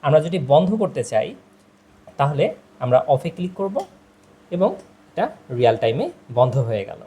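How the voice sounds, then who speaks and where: Speaking at a normal pace, this product presenter has a fairly high-pitched, animated voice with a dark tone. He explains a product demo step by step while addressing his audience directly, over clearly audible background noise and ambient sound.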